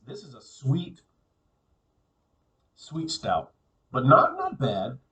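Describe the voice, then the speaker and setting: A man casually reviewing a beer on his own, relaxed and musing, often repeating words as he thinks aloud. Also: fairly high pitch, takes it slowly, recorded from a distance, rough recording.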